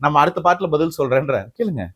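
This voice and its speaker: A man argues hard in a tense interview, his voice sitting somewhat high for a man. He mocks and talks over the other side. He presses his case without letting up. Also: fast, a bit bright, husky. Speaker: party spokesman. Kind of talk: heated debate interview.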